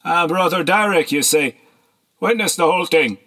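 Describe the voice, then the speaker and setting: A man's voice: a little high, normal speed, bright, forceful tone, voice pushed up. A man voicing a cold, haughty nobleman on horseback, curt and commanding, in an audiobook reading.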